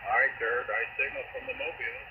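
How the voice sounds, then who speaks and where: A man chatting casually on an amateur radio net, heard over a shortwave radio with static, halting with lots of fillers and restarts as he reads out call signs. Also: mid-range voice, steady tone. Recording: tinny, static-filled radio receiver audio.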